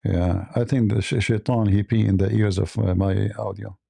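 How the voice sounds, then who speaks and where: A man hosting a livestream debate, raspy and mocking, halting with many fillers. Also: lowish voice, steady tone, mellow, no room sound. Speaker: host.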